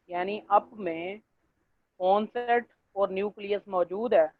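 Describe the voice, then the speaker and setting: High-voiced man lecturing over a tinny line. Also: no echo. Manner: checks in with students often; fills pauses with stock phrases. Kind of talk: online linguistics lecture. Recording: dry, tinny phone-like line.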